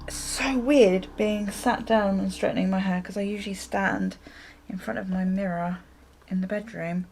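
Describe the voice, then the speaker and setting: Getting ready on camera, a woman spins a casual storytime for her viewers, rambling, cutting herself off, and laughing lightly. She speaks at a fairly low pitch with a creaky, fairly bright tone.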